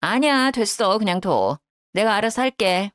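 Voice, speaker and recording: A woman's voice: medium pitch, very animated, moderate pace, no room sound, studio quality, close to an everyday voice. A woman voicing a grumbling older widowed mother-in-law who talks bluntly and reproachfully. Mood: sulky.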